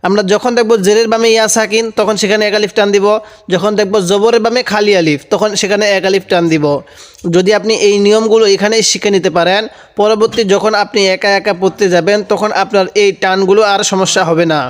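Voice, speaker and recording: A man from Bangladesh teaches Quran reading, breaking each word into syllables and repeating it patiently. His voice sits high and sounds smooth and resonant. A long echo trails behind him, as if he were recorded in a hall. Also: steady tone. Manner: patient, spells out syllables and repeats words slowly; asks the viewer questions, then answers them himself. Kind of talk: step-by-step spelling lesson.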